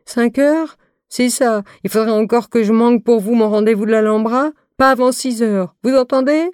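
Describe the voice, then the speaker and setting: A woman's voice: fairly high pitch, moderate pace, darkish tone, smooth, no room sound, studio quality, voice pushed up, close to an everyday voice. A woman voicing a sulking male booking agent who blubbers petulantly in a tearful voice. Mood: indignant.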